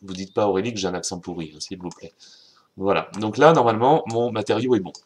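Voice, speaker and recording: A man with a French accent giving a casual, chatty software tutorial, talking straight to viewers and correcting himself as he goes. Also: lowish voice, fast talker, breathy edge. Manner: informal, chatty, self-correcting, addresses viewers directly. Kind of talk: screen-recorded software tutorial.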